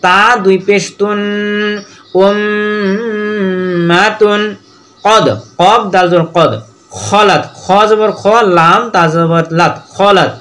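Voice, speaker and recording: A man teaching Quran reading step by step, spelling out each letter and vowel mark, then reciting the verses slowly and drawn out. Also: high voice, fairly bright tone.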